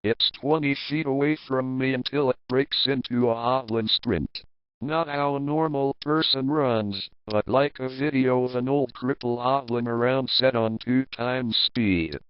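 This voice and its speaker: A man reading a first-person horror story aloud in a slow, measured narration. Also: medium pitch, smooth, dry recording, dull audio.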